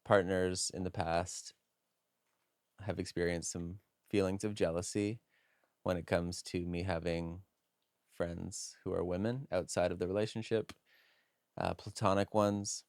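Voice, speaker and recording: A man's voice: deep voice, little pitch movement, a little slow, darkish tone, dry recording. A man co-hosting a casual podcast, trading dry, teasing jokes and sharing his own experiences. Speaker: podcast co-host.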